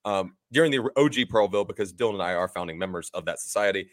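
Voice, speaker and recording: A man's voice: low voice, fast talker. A young man co-hosting a casual sports podcast, rambling upbeat through ad reads and laughing at his own stumbles. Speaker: podcast co-host.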